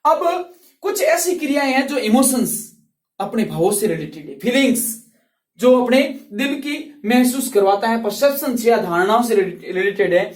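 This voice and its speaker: A male English tutor explaining grammar rules slowly and patiently, repeating each word and drawing out its sounds. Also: extremely high pitch, expressive, distant mic. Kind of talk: classroom grammar lesson. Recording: roomy, voice from off the mic.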